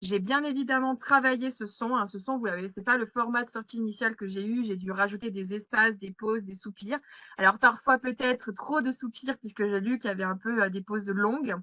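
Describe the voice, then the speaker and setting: A woman's voice: fairly high pitch, steady tone, a little fast, sharp tone, dry recording. A woman trainer leading a live online session, hesitant with many fillers as she reads out chat replies. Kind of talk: live webinar teaching. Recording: slightly muffled webinar audio.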